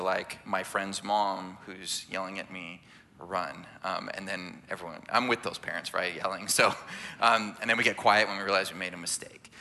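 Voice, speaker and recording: In a church sanctuary, a families ministry director with a deep, sharp voice leads a sermon. He preaches conversationally and often asks "right?" to draw listeners in.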